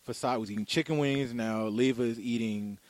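A man's voice: mid-range voice, fairly even intonation, normal speed, darkish tone, no room sound, low-quality recording. A man hosting a casual interview, talking loosely with many fillers and restarts. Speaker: podcast interviewer.

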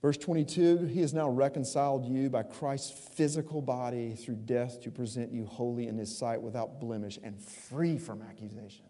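A man preaching a sermon with passion, stressing words slowly and then rushing through quick asides. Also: mid-range voice, fairly even intonation, mellow. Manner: impassioned, emphatic, swings between slow stresses and quick asides. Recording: long hall reverb.

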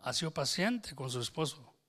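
A man's voice: fairly high pitch, expressive, normal speed, fairly bright tone. A man preaching an informal, joking sermon in a small church, slipping English phrases into his talk. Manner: switches into English phrases, jokes with congregation. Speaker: pastor.

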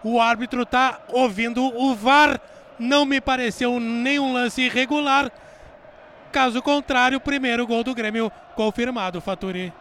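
A man's voice: extremely high pitch, fairly even intonation, normal speed, bright, forceful tone. A man with a southern Brazilian accent giving a live football match report as a reporter. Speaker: pitch-side football reporter. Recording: outdoor city and traffic noise.

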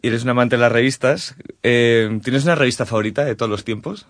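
Man asking relaxed questions. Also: medium pitch, brisk, no room sound, studio quality. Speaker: interviewer. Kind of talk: casual interview questions.

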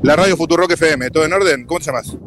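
A man's voice: fairly high pitch, a bit bright, slight background noise. A man with an Argentine accent doing a joking live radio report from a beach, chatting with passersby. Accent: Argentine Spanish. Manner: joking, fast, chatty, laughs often. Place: outdoors on a beach.

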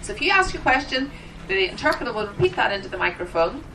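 A woman's voice: on the high side, big pitch swings, quick pace, sharp tone. Woman interpreter, distant and noisy recording. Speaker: sign language interpreter voicing the signers. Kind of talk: spoken interpretation of a seminar introduction. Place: seminar room. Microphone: microphone at the front of the room. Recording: distant microphone, noticeable background noise.

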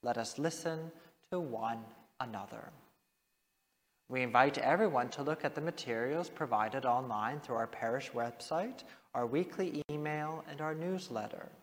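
A man speaking as a priest in a formal, measured liturgical delivery, his voice echoing long through a large church. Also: mid-range voice. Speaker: priest reading the Gospel and preaching. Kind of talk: liturgical reading and parish address. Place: large reverberant church interior. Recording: long cathedral-like echo, large reverberant church.

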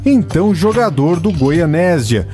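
Animated Brazilian male report narrator. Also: fairly high pitch, a little slow, faint music behind. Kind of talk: scripted documentary narration.

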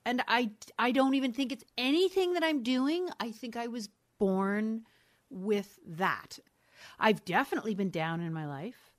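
Speaking at a measured pace in a slightly high voice, this interview guest is a middle-aged woman with three children. She is candid and reflective in the conversation, frequently laughing, correcting herself and starting her sentences over.

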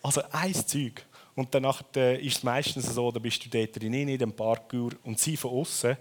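A man from Switzerland with a Swiss accent, preaching a sermon in a lively storytelling way and often ending his phrases with a questioning tag. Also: mid-range voice, moderate pace.

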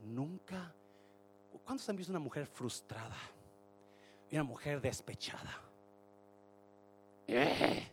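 Lively, animated preacher man. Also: on the high side, a little hiss or hum. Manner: animated and joking, slipping English phrases into Spanish. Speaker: pastor. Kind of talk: sermon.

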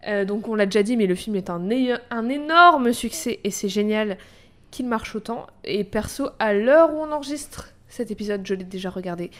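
A woman's voice: medium pitch, expressive, normal speed, a bit bright. A woman hosting a podcast in casual chat, enthusiastic and swearing freely. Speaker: podcast host.

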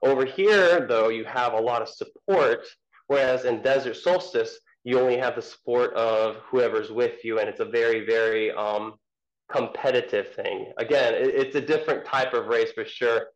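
A man's voice: mid-range voice, moderate pace, highs cut off. A man, an ultrarunner guest, answering interview questions in a casual, hesitant way with many ums and restarts.

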